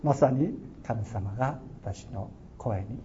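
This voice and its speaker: A male pastor delivers an earnest, exhorting sermon, pressing his points with sudden rises in emphasis. His mid-range voice comes through a dull, lo-fi recording with a faint low rumble behind it. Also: takes it slowly.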